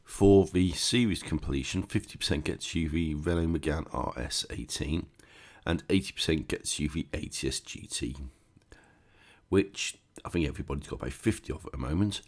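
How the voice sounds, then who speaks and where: A man hosting a gaming channel chats casually through a walkthrough with sarcastic asides, his voice croaky and stuffed up from a cold. He speaks at a moderate pace with an extremely low pitch.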